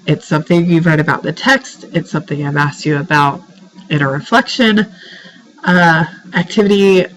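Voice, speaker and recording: Congested from a head cold, a woman who teaches writing speaks informally to her students in recorded feedback, her low voice clearly stuffed up. Exasperated and pleading, she leans hard on each point, and the recording is of poor quality.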